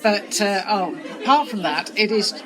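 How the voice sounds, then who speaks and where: A woman's voice: medium pitch, animated, moderate pace. A woman who is an orchestra percussionist, answering interview questions in an enthusiastic, expansive way. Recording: crowd chatter in the background. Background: crowd.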